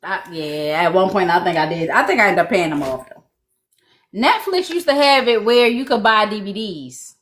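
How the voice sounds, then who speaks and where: A woman's voice: medium pitch, animated, moderate pace, a bit bright, a little hiss or hum. Laid-back woman chatting. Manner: laid-back, storytelling, laughs often. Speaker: podcast co-host. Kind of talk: casual chat.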